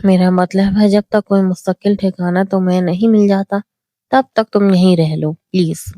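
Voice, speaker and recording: A woman reading the part of an earnest, caring young man in a storybook novel, speaking in a soft, coaxing way. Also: medium pitch, fairly even intonation, dry recording, clean studio sound, lightly acted.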